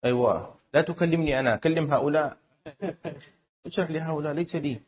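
A man teaching a class on Islamic law, quizzing students and repeating key terms slowly with emphasis. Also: a little high. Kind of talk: classroom lesson with student exercise. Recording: dull lo-fi classroom recording.

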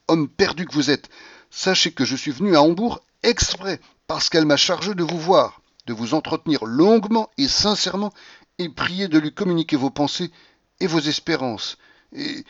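A man reading the part of an earnest, stern English gentleman, speaking in a solemn, lecturing way. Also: medium pitch, moderate pace, no room sound, highs cut off, lightly acted. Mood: indignant.

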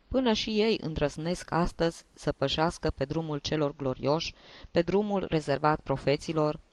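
A man's voice: a little high, no echo, close to an everyday voice. A man voicing a tipsy old male journalist with a reedy tenor voice, giving rambling, sentimental toasts.

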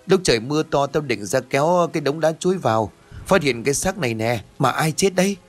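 A terrified village woman cries out in a high, frantic voice, put on by a male narrator. Her pitch leaps around wildly. It is an audio ghost-story reading. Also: animated, brisk. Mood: panicked. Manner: shrieking, frantic. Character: panicked village woman, frightened and shrill.

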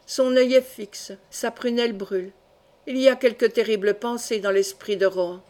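A woman's voice: a little high, fairly even intonation, moderate pace, darkish tone, lightly acted. A woman reading the part of a devout, kindly older peasant woman in an earnest, fervent tone.

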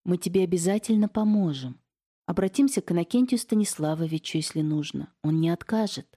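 A woman voicing an anxious young woman who pleads gently and insistently with her aunt. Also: on the low side, animated, fairly quick, husky. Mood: pleading.

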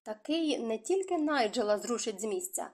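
Woman narrating an audiobook, fairly high voice. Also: expressive, normal speed, darkish tone. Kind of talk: scripted narration.

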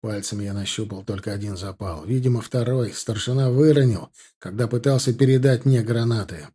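Husky-voiced male audiobook narrator. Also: on the low side, a little fast, warm tone. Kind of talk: scripted first-person narration.

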